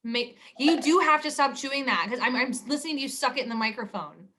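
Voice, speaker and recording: A young woman with a bright, fairly high voice co-hosting a laid-back sports chat. She jokes and teases in a playful way while weighing in on the news. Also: fast. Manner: playful, teasing. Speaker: podcast co-host.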